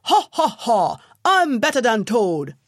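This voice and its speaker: A woman reading aloud, doing a cocky storybook donkey who brays his boasts in a high, loud, lively voice. He crows about being the fastest. The voice sits close and dry. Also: no room sound. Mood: boastful. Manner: braying, bragging, raised voice. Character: boastful proud male donkey racer.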